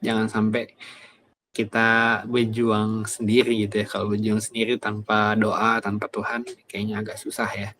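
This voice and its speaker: Low-voiced man preaching casually. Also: monotone, normal speed, fairly bright tone, slight background noise. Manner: chatty, many fillers like gitu ya, personal anecdotes. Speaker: evangelist preacher. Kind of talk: casual conversational sermon.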